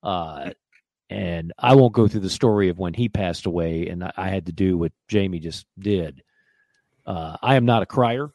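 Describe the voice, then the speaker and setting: A man co-hosting a sports radio show, telling a long personal story in a casual, animated way. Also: low voice, moderate pace, no room sound, clean studio sound. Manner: animated storyteller who acts out quoted voices.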